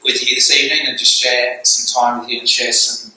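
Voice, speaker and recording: A man's voice: medium pitch, little pitch movement, brisk, pushed and bright, slight background noise. An Australian man giving an earnest, conversational guest talk at a church, telling stories. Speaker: guest speaker. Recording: echoey church hall, far from mic.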